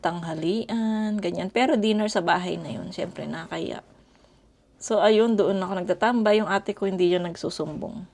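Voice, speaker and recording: A middle-aged woman from the Philippines, chatting casually and rambling to her viewers as she tells stories at home. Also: medium pitch. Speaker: vlogger. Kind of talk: casual storytelling chat to viewers. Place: home in Korea.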